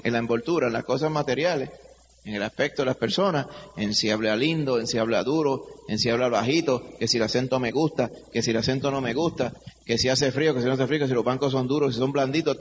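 A man preaching an interactive Bible study sermon, often checking in with his listeners for agreement. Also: mid-range voice. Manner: checks in with listeners, "verdad?" and "amen". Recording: reverberant hall, dull lo-fi sound, faint noise.

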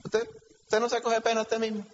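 A man preaching a sermon with a Puerto Rican Spanish accent, animated and full of rhetorical questions. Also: extremely high pitch, a little fast, slight background noise. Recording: lo-fi recording with long hall reverb.

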